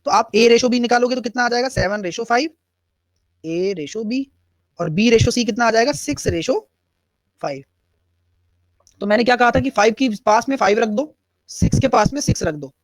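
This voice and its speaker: With an extremely high-pitched voice, a man runs a live online math class, breaking problems into steps and answering chat questions. He has a Hindi-English accent, and the recording carries no room sound.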